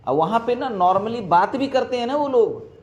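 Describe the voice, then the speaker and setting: A man from Bihar with a Bihari Hindi accent teaches a class in a chatty, joking way, telling stories and asking whether students follow. His voice is extremely high, expressive, slightly mellow, and moderately paced, heard on a muffled lo-fi recording.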